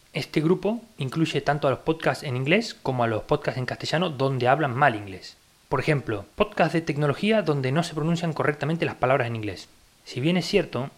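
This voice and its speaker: A man with a mid-pitched voice delivers a solo podcast monologue. He talks bluntly and with exacting standards, a critic on a rant, and slows down to spell out pronunciations with care. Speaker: podcast host.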